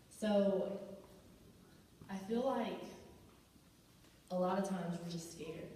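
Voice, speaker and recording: A woman's voice: sits low, warm tone, a little hiss or hum. A young woman in her twenties giving a casual youth sermon, chatty and full of "like" and "y'all". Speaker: youth ministry speaker. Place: large banquet hall. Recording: echoey hall from far off.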